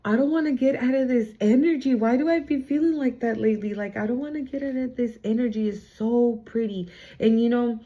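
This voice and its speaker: A woman's voice: on the high side, fairly quick, few pauses, warm tone. Sassy, profane woman tarot reader. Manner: chatty, blunt, profane, sassy. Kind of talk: casual spiritual tarot reading. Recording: slightly muffled lo-fi recording.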